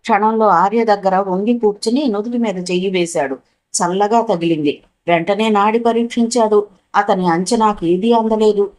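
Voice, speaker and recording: Woman narrator, novel audiobook, dramatic expressive reading, middle pitch. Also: moderate pace, poor audio.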